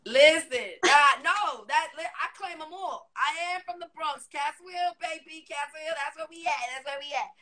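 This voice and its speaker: This young Miami woman's voice is high, with a moderate pace and few pauses; she has a New York accent and grew up speaking Spanish first. Chatting in a casual interview, she's animated, swears, and performs quotes.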